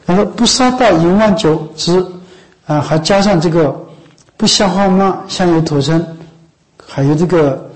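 Casting note: male monk, fairly high-pitched, chatty dharma talk to lay followers, keeps checking that they follow along. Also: poor audio. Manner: conversational, often asks "知道吗？" and "是不是？"; coughs now and then, a few restarts. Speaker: Buddhist monk teacher.

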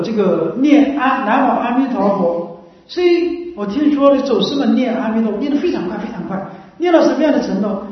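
A woman giving a Buddhist dharma talk who explains in a repetitive way and keeps asking listeners short rhetorical questions. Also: on the high side. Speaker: Buddhist teacher. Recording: very echoey room, mic far off, dull lo-fi sound.

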